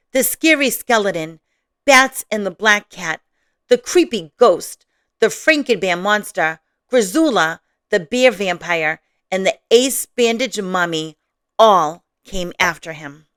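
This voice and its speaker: Expressive woman reading children's stories. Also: medium pitch, unhurried, smooth, no echo, clean studio sound. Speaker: storyteller host. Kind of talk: children's story read-aloud.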